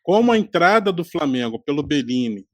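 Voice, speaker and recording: A man hosting a casual podcast chat, asking relaxed conversational questions. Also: fairly high pitch, brisk, no room sound. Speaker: host.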